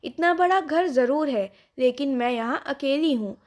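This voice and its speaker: A stubborn young rich daughter read by a woman narrator talks back and plots. The voice is high and bright. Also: moderate pace, close to an everyday voice. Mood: defiant. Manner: defiant, complaining.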